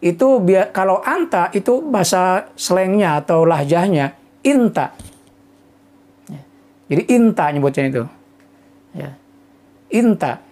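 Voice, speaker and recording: A man from Indonesia giving a casual Arabic lesson, relaxed and chatty, slowing down to sound out example phrases. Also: high voice. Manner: relaxed, peppers talk with "nah" and "ya", sounds out example phrases slowly. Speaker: Arabic language teacher.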